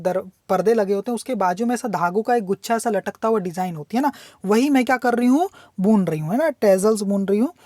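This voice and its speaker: A woman teacher explaining a poem line by line. She reads the English lines slowly and drawn out, then explains them quickly in Hindi, asking questions and answering them herself. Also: on the high side, a little mellow, no room sound, studio quality.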